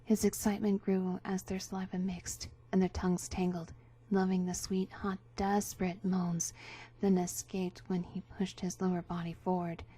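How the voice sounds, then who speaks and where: A woman narrating a story as a theatrical dramatic reading, with hammy, drawn-out emphasis. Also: fairly low pitch, little pitch movement, mellow, breathy edge. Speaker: narrator, reader.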